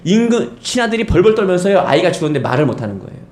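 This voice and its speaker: A man's voice: high voice, very animated, racing, darkish tone. A man preaching a Sunday sermon in a church, emphatic and asking the congregation rhetorical questions. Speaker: pastor. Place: church sanctuary. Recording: echoey church hall.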